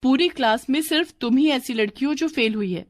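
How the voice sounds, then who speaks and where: A woman's voice: sits high, a little fast, no room sound, studio quality, voice pushed up, natural voice. A woman voicing a strict female schoolteacher who scolds her class sharply. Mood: stern.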